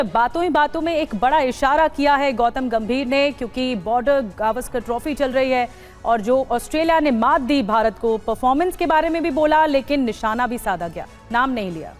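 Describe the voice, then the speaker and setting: A woman anchors a news bulletin in a crisp, formal tone, with a high voice. Faint music sits beneath her. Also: fairly quick.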